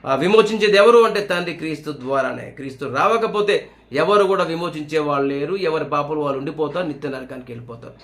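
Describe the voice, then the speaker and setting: A man preaching a sermon, earnestly questioning his listeners and slowing down to read scripture aloud. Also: fairly high pitch, fairly bright tone.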